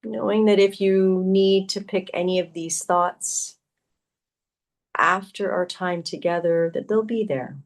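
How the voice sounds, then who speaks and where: In a steady, mid-range voice, a woman leads a guided meditation as a yoga teacher would. Her guidance is soothing and gentle, broken up by long pauses.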